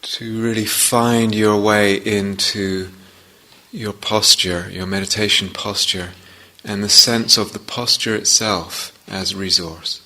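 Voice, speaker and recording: A man teaches a guided meditation in a lowish, steady voice. He speaks gently in measured short phrases separated by long pauses.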